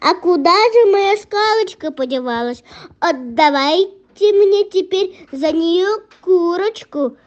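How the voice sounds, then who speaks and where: A woman's voice: very high voice, animated, takes it slowly, exaggerated voice. A young female reader voicing a sly, pushy little female fox in a children's folk tale, wheedling and demanding. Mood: indignant, demanding. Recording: muffled lo-fi recording.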